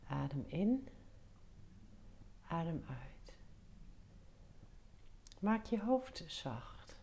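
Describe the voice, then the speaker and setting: A woman guiding a meditation in a soft, breathy near-whisper, soothing, giving short instructions with pauses. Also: low voice. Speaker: meditation guide. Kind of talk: guided meditation.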